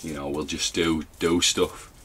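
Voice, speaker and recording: A man's voice: a bass voice, little pitch movement, a little slow, fairly bright tone, a little hiss or hum. A man playing a dim, boastful young lout in a comedy interview, rambling and mumbling through fillers. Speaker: interview guest.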